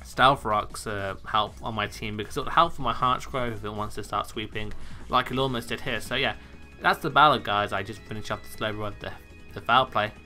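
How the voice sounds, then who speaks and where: A man with a bright, forceful voice talks through a video game match in a loose, chatty way. He pokes fun at himself and laughs easily, with faint music playing under his voice. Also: lowish voice, fairly even intonation, fairly quick. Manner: chatty and self-mocking, laughs often. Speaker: game commentator. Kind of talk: casual battle commentary.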